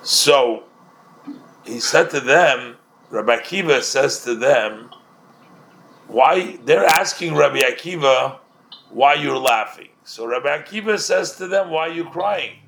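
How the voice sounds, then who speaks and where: Slow-talking rabbi type guy, gravelly voice, retells then explains with lots of restarts. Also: mid-range voice, lively intonation, fairly bright tone. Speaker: Torah teacher. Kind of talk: storytelling Talmud class.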